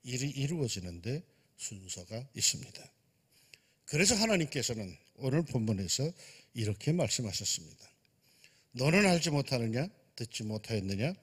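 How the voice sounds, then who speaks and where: A man, a pastor, preaching a sermon with dramatic swings between loud exclamations and hushed asides. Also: medium pitch, big pitch swings, normal speed, husky. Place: church sanctuary. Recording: church sanctuary with long reverb.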